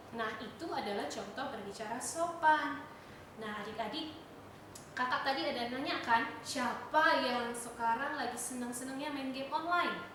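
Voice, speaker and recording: Bright, echoey young woman teaching children. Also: sits high, distant mic, slight background noise. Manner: animated, sing-song storytelling to children. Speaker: Sunday school teacher. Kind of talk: children's sermon.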